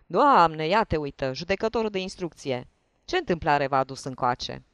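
A narrator voicing a loud, carefree, drunken lieutenant in an audiobook reading. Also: mid-range voice, animated, clear, resonant tone, dry recording, highs cut off. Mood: surprised. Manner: loud, swaggering, urging others to drink.

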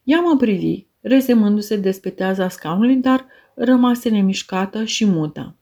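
Female audiobook reader, measured and expressive delivery. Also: mid-range voice. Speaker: audiobook narrator. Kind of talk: literary audiobook narration.

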